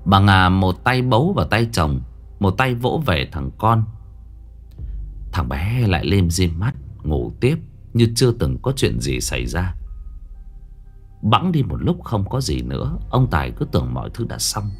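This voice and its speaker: A man's voice: low-pitched, very animated, unhurried, slightly rough, faint music behind. A man narrating a ghost story with suspenseful, dramatic pacing.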